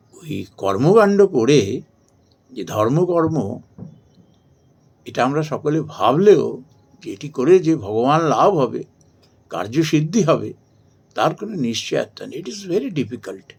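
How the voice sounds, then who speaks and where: A man giving a slow, measured devotional talk and chanting verses. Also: on the high side, sing-song, gravelly, a little mellow, slightly rough. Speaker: spiritual speaker.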